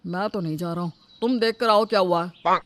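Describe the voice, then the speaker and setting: A woman's voice: on the low side, a little fast, fairly bright tone, no room sound, lightly acted. A woman voicing a weary young husband who grumbles dismissively. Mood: grumbling.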